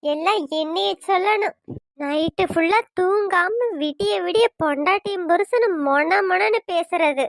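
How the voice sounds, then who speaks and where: Woman doing a scolding cartoon mother-in-law, very high voice, dry close sound. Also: a little slow, gravelly, no echo, heavily acted. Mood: grumbling. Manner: complaining, scolding. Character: nagging scolding middle-aged mother-in-law.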